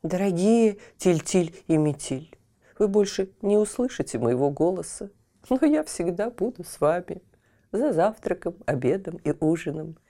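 A woman's voice: on the low side, lively intonation, normal speed, mellow. A woman voicing a self-important, devoted male loaf of bread in a children's audio tale, solemn and boastful.

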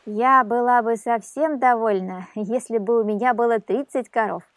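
A woman voicing a greedy, scheming old fisherwoman who pleads and wheedles in a high voice, reading a storybook tale. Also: fairly even intonation, normal speed, dry recording, close to an everyday voice. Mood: demanding.

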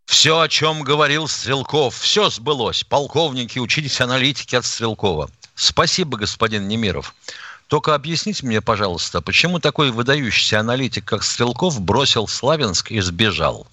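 A man's voice: mid-range voice, expressive, normal speed, bright, forceful tone, no echo. A male radio co-host who reads listener questions aloud and answers them sarcastically. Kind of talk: call-in radio talk.

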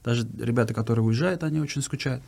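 A man's voice: mid-range voice, very fast, vocal fry, a little mellow, breathy edge. Earnest man. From Uzbekistan. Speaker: guest giving his views. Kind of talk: conversational interview talk.

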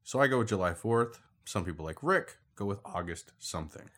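A man's voice: lowish voice, animated, brisk, fairly bright tone. A man from Puerto Rico, a podcast guest, talking in a dry, teasing, matter-of-fact way. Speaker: guest, host's older brother. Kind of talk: casual podcast chat.

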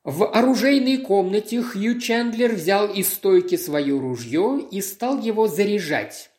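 A measured, dramatic audiobook reading of a detective tale at a middle pitch. The voice sits in a roomy space with a clear echo around it. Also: animated, a little mellow. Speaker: audiobook reader. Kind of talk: scripted narration.

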